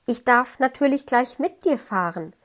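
A woman's voice: on the high side, lively intonation, a bit bright. A woman voicing a smug, playful male owl who teases his friends. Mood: cheeky. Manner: quick-witted, teasing.

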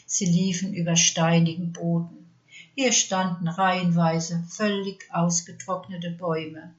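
A woman reading her own fairy tale aloud in a calm storytelling manner. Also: fairly low pitch, lo-fi sound. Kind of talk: scripted fairy-tale narration.

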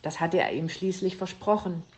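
A woman narrating a children's story with an expressive reading manner. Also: lowish voice, moderate pace.

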